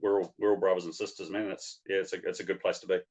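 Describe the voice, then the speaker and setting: A man's voice: deep voice, flat delivery, very fast, darkish tone, husky. A man with a New Zealand accent chatting casually as an interviewed racer. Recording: dull, lo-fi call audio.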